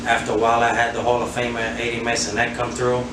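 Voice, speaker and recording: A man in his 40s from Queens, New York, a handball player, reminisces as a guest in a casual interview, relaxed and rambling with many fillers. His voice is flat and mid-range, fast, and recorded from a distance, so the sound is roomy, off-mic, and noisy.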